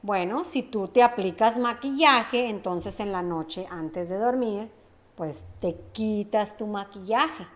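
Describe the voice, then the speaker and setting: A woman's voice: medium pitch, slow. A woman teaching a lesson, running repeat-after-me drills and checking in with short questions. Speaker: Spanish teacher.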